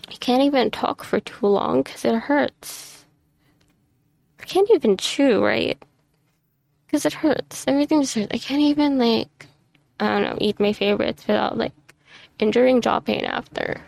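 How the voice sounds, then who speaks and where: A tired woman vlogger vents frankly into a desk microphone in her messy room at home, swearing now and then and close to tears. Her voice is fairly high and darkish with vocal fry, and there's no echo in this casual ranting monologue.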